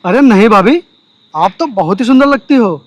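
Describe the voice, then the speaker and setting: A young man playing an eager younger brother-in-law who coaxes and flatters. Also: high-pitched, normal speed, no echo. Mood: flattering. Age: young adult. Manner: coaxing, flattering.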